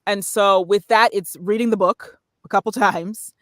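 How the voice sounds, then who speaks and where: A woman who works as a voice-over artist and narrator chats as a podcast guest, explaining things conversationally. Her mid-range voice is fairly bright, with fairly even intonation and a moderate pace. The studio sound is clean, with no echo.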